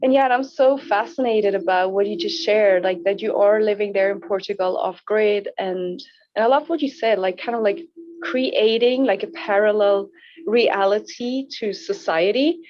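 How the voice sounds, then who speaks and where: A woman's voice: medium pitch, normal speed, muffled recording. A woman hosting a podcast in casual chat, gushing and filling her talk with "like" and "yeah". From Switzerland. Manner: warm, gushing, many "like" and "yeah" fillers. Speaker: podcast host. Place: in a yurt.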